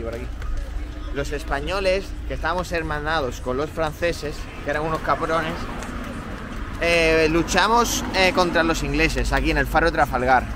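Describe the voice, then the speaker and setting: A man's voice: a little high, background noise. A man in his twenties from Spain with an Andalusian accent, telling a story in an explanatory way while walking outdoors. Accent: Andalusian Spanish. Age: 20s. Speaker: lawyer, friend on the trip. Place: outdoors by a road.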